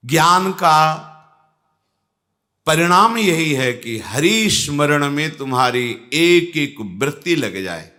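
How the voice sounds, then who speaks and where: An older man giving a slow, measured devotional discourse as a spiritual teacher, rising in tone when he quotes scripture. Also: fairly high pitch, sing-song, sharp tone.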